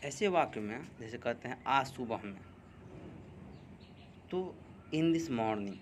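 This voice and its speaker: A male teacher teaching English grammar at a very slow, deliberate pace. He spells out each example sentence piece by piece, at a mid pitch. Faint ambient noise sits behind him. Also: animated. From India.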